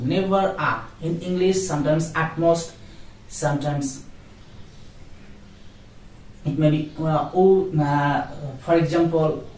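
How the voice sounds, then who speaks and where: A language teacher giving a pronunciation lesson, saying each word slowly and repeating it to contrast the wrong sound with the right one. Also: mid-range voice, a little mellow, recorded from a distance. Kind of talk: slow spoken pronunciation lesson. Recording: echoey room, voice off-mic, faint noise.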